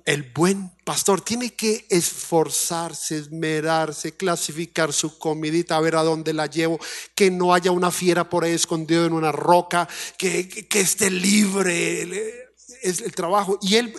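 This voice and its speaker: A Colombian man preaching a sermon as pastor, asking the congregation questions and acting out quoted voices. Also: a bit bright. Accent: Colombian Spanish. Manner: acts out quoted voices in a high, fretful tone.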